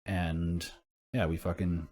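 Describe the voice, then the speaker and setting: A man's voice: low-pitched, flat delivery, takes it slowly, darkish tone. A young man co-hosting a podcast, chatting casually, swearing freely and laughing easily. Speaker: podcast co-host. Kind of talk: casual chat.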